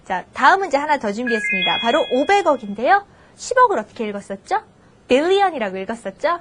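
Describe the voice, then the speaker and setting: A woman teaching English numbers to students in a scripted lesson, asking rhetorical questions and drawing out the English example phrases slowly. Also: sits high. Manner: slow, drawn-out English model phrases between Korean explanations.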